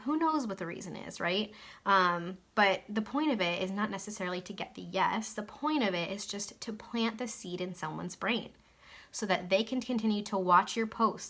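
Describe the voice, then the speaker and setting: A woman's voice: medium pitch, fairly bright tone. A young woman giving casual, reassuring advice to camera, chatty and full of fillers. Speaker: network marketing coach.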